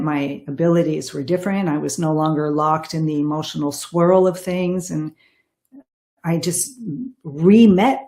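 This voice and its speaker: A woman in her sixties speaks slowly and unhurriedly, her voice sitting a little low. She talks with earnest emphasis, circling back to the same words as a casual interview guest. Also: mellow. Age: 60s. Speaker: podcast guest.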